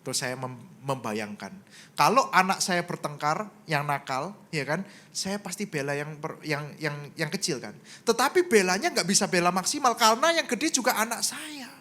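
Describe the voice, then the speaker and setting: A male pastor preaching in a casual, conversational way, acting out dialogue with big swings in his voice. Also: normal speed. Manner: animated, acts out dialogue with sharp pitch swings; colloquial, conversational. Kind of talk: sermon storytelling.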